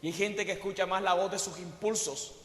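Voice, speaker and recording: A male preacher delivers a sermon with a high, bright, forceful voice. He keeps punctuating his phrases with hallelujahs and direct calls to his listeners. His voice rings out with the long reverb of a church hall. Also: steady tone, a little fast. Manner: impassioned, fills phrases with "aleluya" and "hermano".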